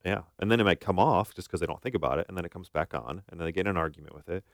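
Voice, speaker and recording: A low-voiced man talks very fast in a clean, echo-free studio recording. He co-hosts a conversational podcast and works as a therapist, explaining things informally through analogies and acted-out quotes.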